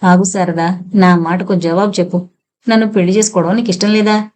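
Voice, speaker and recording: A woman voicing an earnest young man who pleads quickly with his bride-to-be in an audiobook novel. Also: medium pitch, steady tone, darkish tone, close to an everyday voice. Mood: pleading.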